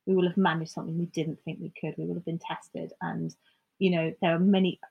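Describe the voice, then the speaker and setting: A woman co-hosting a podcast in casual chat, speaking in a reflective, measured way and agreeing often. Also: fairly low pitch, flat delivery, gravelly, breathy edge, highs cut off. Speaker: podcast co-host.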